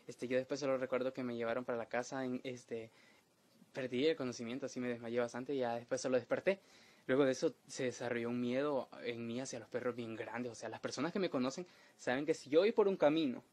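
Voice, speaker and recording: A man's voice: mid-range voice, brisk, darkish tone. A young man telling a crude, self-mocking comedic story in a casual monologue.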